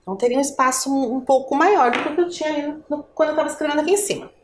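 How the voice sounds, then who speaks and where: A woman's voice: high voice, rapid-fire, echoey room, a little hiss or hum. A woman teacher with a Brazilian Portuguese accent, giving a patient lesson to children and asking the viewer questions.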